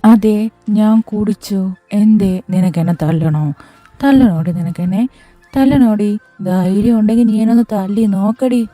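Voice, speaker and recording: A drunken, blustering husband barks slurred orders at his wife, acted by a woman. The voice is very dark and mellow, with faint music underneath. It sounds like fan audio drama acting. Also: mid-range voice, a little slow, natural voice. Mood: drunk, belligerent. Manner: slurred, bossy shouting at wife.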